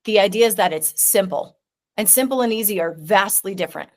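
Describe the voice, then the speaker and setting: A middle-aged woman chatting as a guest on a talk podcast, animated and expressive. She slips into playful voices now and then and swears casually. Her pitch sits in an ordinary middle range. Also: brisk. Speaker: guest, neurosculpting teacher. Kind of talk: casual conversation.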